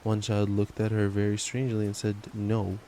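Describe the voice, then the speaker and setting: Playing a boyfriend in an ASMR roleplay, a young man reads at bedtime in an affectionate, casual, playful way. He has a lowish voice and a moderate pace. The recording is rough, with steady rain noise behind him.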